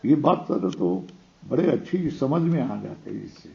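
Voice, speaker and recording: A man giving a scripture lecture, explaining slowly, quoting verses and asking his listeners to confirm. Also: mid-range voice, expressive, creaky, darkish tone, muffled recording, slight background noise. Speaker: teacher of scripture.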